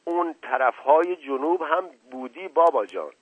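A man's voice: fairly high pitch, animated, breathy edge, no echo, voice pushed up. A man voicing a folksy, superstitious old male servant who talks in rustic colloquial phrases and pious exclamations, in a dull lo-fi radio recording. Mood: chatty.

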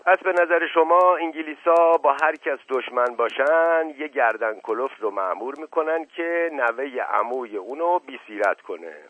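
A man's voice: medium pitch, lively intonation, hardly any pauses, no echo, voice pushed up, lightly acted. A man voicing a witty middle-aged aristocrat who mocks and teases in a playful, sarcastic way, on a tinny radio recording. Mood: mocking. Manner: playful, sarcastic, repeats "moment" as a quip.

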